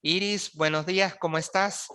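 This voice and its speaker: Over a video call, this male lecturer leads an online postgraduate session in a high, steady voice at moderate speed. His speech is hesitant and full of restarted words, and he keeps asking "¿sí?" to check on his students.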